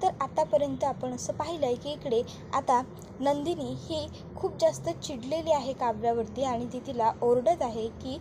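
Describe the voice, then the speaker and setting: Woman recap host, bright high voice, brisk scripted narration, close mic. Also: background noise. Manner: brisk storytelling recap, friendly greeting to viewers.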